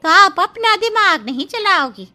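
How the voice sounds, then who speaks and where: A woman's voice: extremely high pitch, big pitch swings, unhurried, bright, forceful tone, a little hiss or hum, heavily acted. A woman voicing a talkative housemaid in a cartoon who protests and praises her own work. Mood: protesting. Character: chatty self-praising housemaid.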